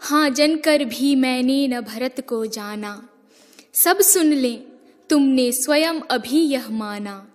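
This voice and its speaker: Woman voicing a remorseful queen mother, impassioned verse, high voice, long hall echo. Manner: impassioned, measured verse recitation. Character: remorseful queen mother pleading before court.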